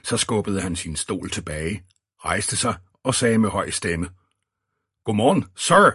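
A man reading an audiobook in a steady, even scripted narration. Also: low voice, slightly rough, dry recording, clean studio sound.

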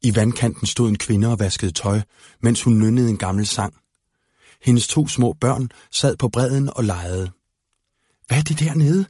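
Man narrating a children's storybook, husky, dry close mic. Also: on the low side, darkish tone, no room sound. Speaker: audiobook narrator.

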